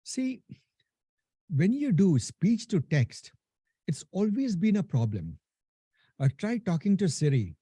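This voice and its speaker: His voice sits high and sounds dark and husky, very animated yet slow, with long pauses, recorded clean in a studio without echo. An instructor from India and Nepal with a thick Indian accent, he gives a casual live technical lecture, calling the class "guys," asking "right?" repeatedly and restarting sentences.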